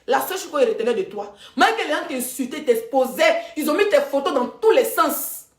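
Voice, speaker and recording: A woman's voice: high-pitched, lively intonation, normal speed. Emphatic Ivorian woman livestreaming in an echoey room. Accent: Ivorian French. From Ivory Coast. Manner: emphatic, repeats herself, voice rising and dropping sharply. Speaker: social media livestreamer. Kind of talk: heated livestream monologue.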